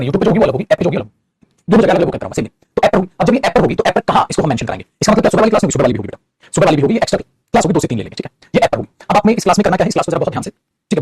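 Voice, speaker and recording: A man teaches English grammar in a lively, rapid patter, often answering himself in his students' voice. His voice is husky and a little high, and the sound is close and dry. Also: no room sound. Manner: calls students beta and mere bachche, acts out student replies. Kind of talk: online class lecture.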